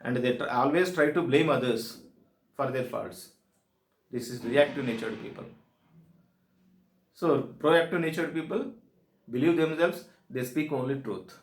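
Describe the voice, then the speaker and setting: A man's voice: mid-range voice, unhurried, pauses often. South Indian-accented man lecturing, echoey room. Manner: emphatic, repetitive, short declarative phrases. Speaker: soft skills trainer. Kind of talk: instructional presentation.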